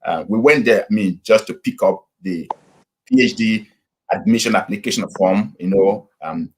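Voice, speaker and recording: On a video call, a middle-aged pastor from Nigeria shares his story as an interview guest, taking his time and frequently restarting or using fillers. The man's voice sits on the low side with a darkish tone, over a faint hiss or hum. The conversation is casual storytelling.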